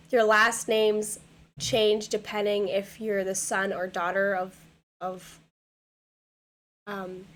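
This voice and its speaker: A young woman with a hoarse, worn voice talks to her stream audience at a desk mic in her home gaming room. She rambles casually, repeating words and leaning on fillers as her thoughts tumble out. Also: mid-range voice, a bit bright. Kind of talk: casual chat with viewers.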